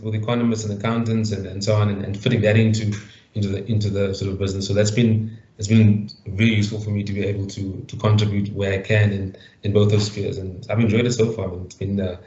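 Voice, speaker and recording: A man's voice: lowish voice, dark tone. A man on a career panel, talking hesitantly and repeating words as he searches for phrasing. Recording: dull lo-fi video call with room echo.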